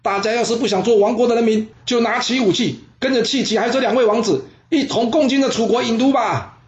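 A man's voice: mid-range voice, a little fast, lo-fi sound, natural voice. A man voicing a scheming, persuasive adviser who coaxes and pushes hard. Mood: rallying shout. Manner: coaxing, then urgent and shouting. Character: scheming persuasive male adviser, pushy and loud.

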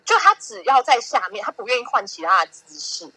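A woman's voice: mid-range voice, brisk, slightly rough, dry recording, low-quality recording. A young woman with a Taiwanese Mandarin accent, hosting a casual podcast chat and telling stories animatedly, acting out what people said. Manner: animated storytelling, acting out quoted lines, laughing often. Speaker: podcast host.

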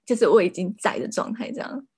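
A woman's voice: medium pitch, animated, fast, a little mellow, slightly rough. A woman hosting a casual podcast, who laughs often and asks her questions loosely. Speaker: podcast host.

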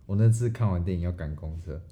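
Taiwanese guy, co-host, relaxed warm voice, kinda stammery, laid back chat. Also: deep voice, fast. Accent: Taiwanese Mandarin. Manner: easygoing, stammering restarts. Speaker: podcast co-host. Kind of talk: casual storytelling chat.

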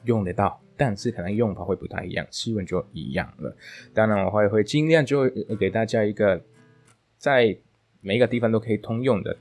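A man's voice: on the low side, darkish tone. A man hosting a podcast language lesson, chatting loosely with many fillers. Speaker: Spanish teacher, podcast host. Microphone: podcast microphone.

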